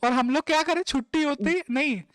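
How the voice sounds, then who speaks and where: A man's voice: very high voice, fairly quick, no room sound. A man telling a funny story to friends in a casual, slangy, laughing way.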